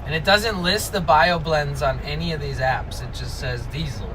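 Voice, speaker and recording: A man livestreaming casually from the road, talking in laid-back bro slang with swearing. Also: moderate pace. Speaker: livestreamer, vanlife traveler. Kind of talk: casual livestream chat to viewers. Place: in and around a van on the road. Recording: noisy vehicle outdoors, distant mic, engine rumble.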